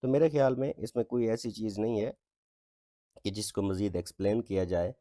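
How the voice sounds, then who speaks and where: A man teaching an English textbook lesson, reading example sentences slowly with stress and checking in with his students often. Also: fairly low pitch, fairly even intonation, warm tone, no echo, clean studio sound. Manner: reads English lines slowly with stress, asks "ठीक है?" often. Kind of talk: explaining a textbook exercise.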